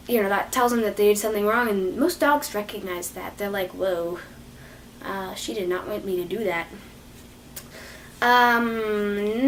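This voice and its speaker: A young woman talking casually to camera about training dogs, rambling, apologizing and laughing at herself. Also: medium pitch. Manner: rambling, self-deprecating, giggly. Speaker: dog training vlogger. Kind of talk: casual unscripted vlog. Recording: distant mic with faint noise.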